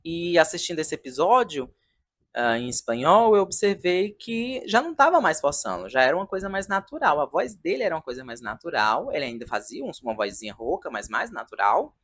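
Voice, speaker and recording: A man's voice: a little high, very animated, a little fast, fairly bright tone. A man in his thirties giving a casual, chatty and sentimental review in a vlog, talking in front of a decorated wall at home. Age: 30s. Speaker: video reviewer of a comedy show.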